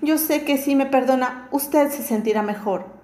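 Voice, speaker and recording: A poor, desperate thief pleads and implores, his voice lifted higher as a woman narrator plays him. The room adds a clear echo to the storybook reading. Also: normal speed, mellow, natural voice. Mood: begging. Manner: begging, imploring. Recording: roomy echo.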